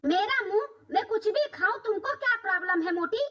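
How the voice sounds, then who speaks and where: A woman's voice: very high-pitched, animated, a little fast, bright, forceful tone, full character voice. A woman doing a sassy defiant young daughter-in-law. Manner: sassy, talks back. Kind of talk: cartoon comedy voice acting. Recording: distant, dull lo-fi recording.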